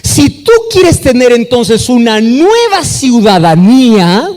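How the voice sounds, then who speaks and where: Emphatic Peruvian pastor in an echoey hall. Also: male voice, extremely high pitch, big pitch swings, slow, a little mellow. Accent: Peruvian Spanish. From Peru. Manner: emphatic, questions the congregation and answers. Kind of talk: sermon. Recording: echoey hall with long reverb.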